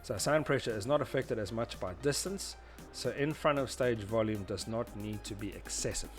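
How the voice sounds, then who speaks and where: At a moderate pace and in a lowish voice, a man explains a technical topic step by step for his tutorial series, talking through slides and diagrams as faint music plays. His style is casual and hesitant, peppered with "you know."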